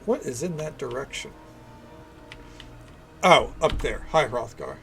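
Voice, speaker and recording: A man's voice: mid-range voice, animated, unhurried, vocal fry, a bit bright, soft background music. A man giving casual, chatty gameplay commentary as a streamer, thinking aloud. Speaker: game streamer.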